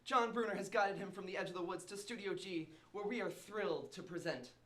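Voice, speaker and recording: A man's voice: high voice, brisk, a bit bright. A young man hosting a campus show, reading a silly scripted story in a mock-dramatic way. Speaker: show host. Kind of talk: reading a scripted comic tale.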